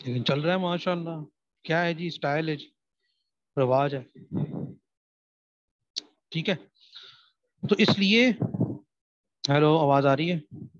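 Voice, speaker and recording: A man's voice: a little high, long pauses, dry recording. A man teaching a recitation class, asking his students questions, repeating them and answering them himself. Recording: dry, slightly dull sound.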